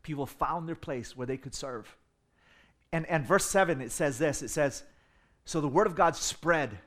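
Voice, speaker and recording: A middle-aged man from the United States preaching a sermon, telling stories with humor and building in intensity. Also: a little high. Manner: animated storytelling with humor, rising in volume for emphasis. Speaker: pastor.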